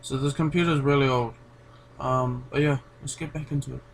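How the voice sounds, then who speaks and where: A man's voice: mid-range voice, fairly even intonation, a little fast, slight background noise. A man hosting a reaction video, chatting casually in a rambling, filler-heavy, laid-back way. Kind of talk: casual commentary.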